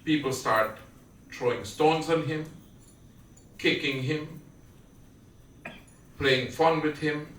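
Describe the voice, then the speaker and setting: A Guyanese man delivers an unhurried devotional sermon in a bright, forceful voice, pausing to put questions to his listeners. He is heard from some distance in an echoey room with a faint hum behind him. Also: a little high. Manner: slow storytelling with questions to the audience. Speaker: satsang speaker. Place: indoor family prayer gathering.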